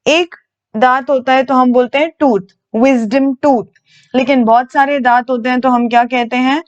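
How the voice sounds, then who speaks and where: A woman's voice: sits high, fairly even intonation, normal speed. A woman teaching English grammar, patient and explaining step by step, repeating key words and asking her students questions that she then answers herself. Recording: dull lo-fi sound.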